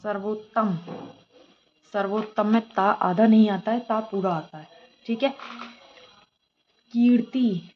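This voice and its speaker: A woman's voice: mid-range voice, fairly even intonation, unhurried, dull audio, a little hiss or hum. A woman teaching exam students, reading a book aloud and explaining each word, asking and then answering her own questions.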